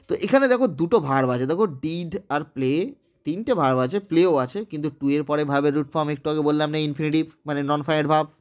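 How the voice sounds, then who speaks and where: This recorded online grammar lesson features a man from West Bengal, India, whose voice is a little high and a little mellow, with a Bengali accent. He teaches English grammar one step at a time, often pausing to confirm his students are keeping up.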